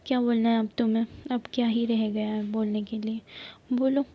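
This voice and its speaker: A woman's voice: fairly high pitch, flat delivery, lightly acted. A woman voicing a stern female college teacher who speaks curtly and dismissively, in whispered role-play. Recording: dull lo-fi recording.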